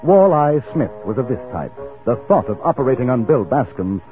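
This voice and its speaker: A man playing a wry English gentleman adventurer. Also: mid-range voice, big pitch swings, moderate pace, lightly acted. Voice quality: dry, polished, wry. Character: urbane, cool-headed English gentleman adventurer. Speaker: narrator and lead. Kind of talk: 1950s radio drama acting. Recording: narrow-band 1950s radio broadcast with music.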